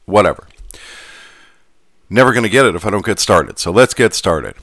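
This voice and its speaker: A man's voice: fairly low pitch, lively intonation, moderate pace, fairly bright tone, dry recording, clean studio sound. A man hosting a podcast in a casual, informal and slightly wry way. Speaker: podcast host.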